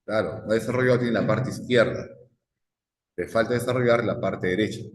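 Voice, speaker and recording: Echoey teacher quizzing students. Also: male voice, fairly low pitch, a little fast, slight background noise. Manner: quizzes the class with repeated questions. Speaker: psychology teacher. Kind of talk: classroom lecture. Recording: echoey classroom with long reverb.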